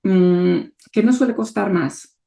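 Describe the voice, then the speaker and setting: A woman hosting a podcast interview, talking in a measured way with frequent questioning tags. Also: medium pitch, vocal fry, mellow. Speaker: podcast host.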